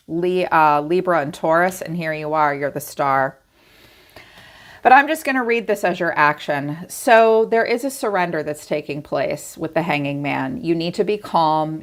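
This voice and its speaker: A middle-aged tarot reader with a low-sitting voice speaks directly to her viewers during a casual reading. She's chatty and animated, acting out what they might be thinking.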